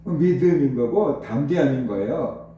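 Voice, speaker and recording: A man's voice: mid-range voice, expressive, normal speed, mellow, highs cut off, slight background noise. A male pastor preaching a sermon with emphatic rhetorical questions to his congregation. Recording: very echoey hall, voice from far off.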